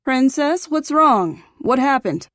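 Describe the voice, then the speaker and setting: A woman's voice: medium pitch, moderate pace, darkish tone, no room sound, studio quality, natural voice. A woman voicing a wealthy, doting father who speaks urgently and gives orders. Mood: worried.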